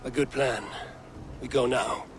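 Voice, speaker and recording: A man playing a grim, practical Viking warrior in a video game, speaking in a measured, direct way. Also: medium pitch, steady tone, slight background noise, natural voice. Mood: grim, resolute.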